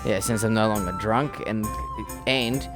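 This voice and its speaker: A man's voice: fairly low pitch, measured pace, over music. A man giving casual, rambling gameplay commentary, joking as he plays. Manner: rambling, jokey, often laughs. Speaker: gaming channel host.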